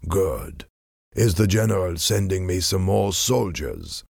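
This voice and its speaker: A man's voice: deep voice, animated, slow, vocal fry, darkish tone, breathy edge, dry recording, clean studio sound, exaggerated voice. A man voicing a scheming, ruthless male French agent who gives curt commands.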